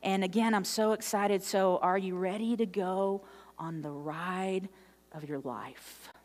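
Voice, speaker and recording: A woman's voice: mid-range voice, a little slow. Pastor woman preaching in an echoing church. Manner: animated storytelling, acting out her own past dialogue. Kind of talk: sermon. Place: church sanctuary. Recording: long hall reverb in a church sanctuary.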